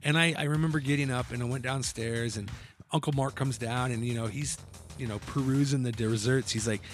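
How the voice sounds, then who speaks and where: A man's voice: medium pitch, fairly even intonation, brisk. A man co-hosting a casual podcast, telling a family story and acting out the quotes with laughs. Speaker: podcast co-host.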